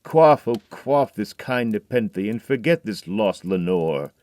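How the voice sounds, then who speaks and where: A man voice acting a grieving, haunted man in an audio drama, reading dramatic verse that swings from hushed brooding to loud, pleading outbursts. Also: fairly low pitch, expressive, unhurried, dry recording. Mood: anguished.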